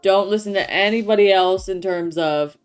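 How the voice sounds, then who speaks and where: A woman's voice: mid-range voice, normal speed, smooth, soft background music. A woman co-hosting a casual chat show, explaining things informally as she thinks aloud. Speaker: podcast co-host.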